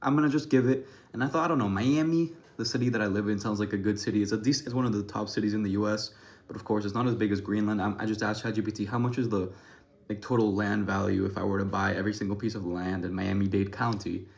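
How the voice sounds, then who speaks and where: A man's voice: lowish voice, fairly even intonation, fast talker, gravelly, a little mellow. A young man from Ecuador rambling casually to camera, thinking aloud with many restarts and self-deprecating asides. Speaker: vlogger.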